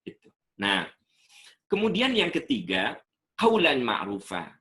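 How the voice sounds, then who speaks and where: A middle-aged man giving an Islamic lecture, animated and fond of acting out what people say. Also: mid-range voice, takes it slowly. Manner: animated, acts out quoted speech. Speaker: invited Islamic speaker.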